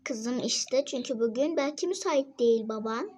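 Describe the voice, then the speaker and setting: A woman's voice: high-pitched, expressive, normal speed, darkish tone, a little hiss or hum. A girl voicing a busy young mother in a doll-game role-play, fussing at her kids and nagging about chores. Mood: scolding. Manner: scolding, fussing.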